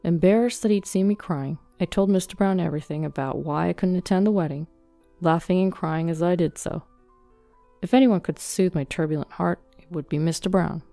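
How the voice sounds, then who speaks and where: A woman narrating a first-person story in an even, measured way. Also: on the low side, vocal fry, dry recording, soft background music.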